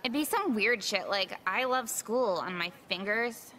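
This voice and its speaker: A woman's voice: medium pitch, animated, a little slow, sharp tone. An actress voicing a blunt, gossipy sixteen-year-old schoolgirl in a video game, chatty and casually profane.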